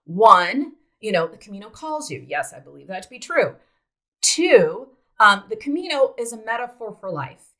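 A woman's voice: medium pitch, big pitch swings, moderate pace, fairly bright tone. A middle-aged woman from South Dakota telling a personal story in an earnest, reflective way, with hesitant fillers. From South Dakota, United States.

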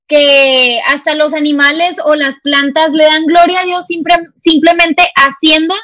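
On a remote call for a casual podcast interview, a Monterrey woman in her twenties with a northern Mexican accent chats effusively and emphatically. Her high voice sounds pushed and bright yet flat in delivery, unhurried, on a dry recording.

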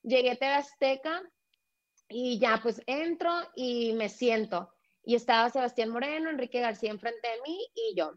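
A woman, a sports journalist, telling her story in a lively way over a remote call and acting out the people she quotes. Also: a little high, normal speed. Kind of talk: animated storytelling in a casual interview. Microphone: remote video call. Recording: dull lo-fi call audio.

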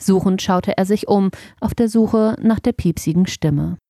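Woman narrator, children's story, mellow tone, dry close studio sound. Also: mid-range voice, measured pace, no echo. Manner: gentle, expressive storytelling. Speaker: audiobook narrator.

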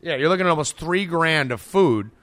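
A man's voice: on the high side, lively intonation, brisk, a bit bright. A man co-hosting a podcast, talking in brash, crude, teasing banter and acting out the people he quotes. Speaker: podcast co-host.

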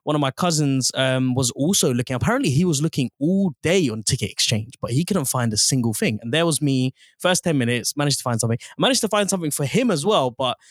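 A man's voice: mid-range voice, expressive, quick pace, hardly any pauses, no room sound, studio quality. A man hosting a podcast, telling stories in a chatty, upbeat way. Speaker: podcast host. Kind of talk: casual podcast chat.

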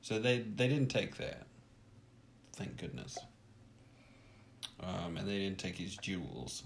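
Deep lively man, faint room noise. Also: slow, creaky. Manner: agreeable, lively, frequent back-channel affirmations. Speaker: podcast co-host. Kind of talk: casual book discussion.

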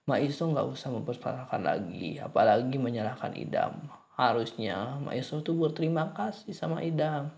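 A man voicing an old male village shaman who speaks in a low, soothing, dismissive way in a spoken horror story. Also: expressive, moderate pace, vocal fry, a little mellow. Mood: calm dismissive.

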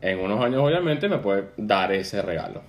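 Relaxed young Venezuelan man. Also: on the low side, normal speed, noisy background. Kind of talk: casual banter.

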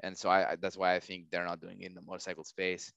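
A man's voice: deep voice, completely flat delivery, fast talker, vocal fry, fairly bright tone, dry recording, dull audio. A man as a podcast guest, explaining finance step by step with frequent restarts. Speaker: startup founder guest. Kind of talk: casual interview chat. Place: lives in a large city.

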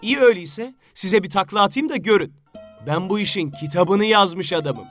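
A man's voice: high voice, lively intonation, moderate pace, fairly bright tone, soft background music, voice pushed up. A man voicing a smug, mischievous young man who teases and mocks his friends. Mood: mocking. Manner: teasing and playful.

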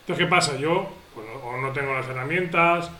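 A man in his thirties chatting casually on a panel, telling funny stories with squeaky acted quotes. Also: brisk. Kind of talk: casual chat. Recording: echoey room with crowd noise.

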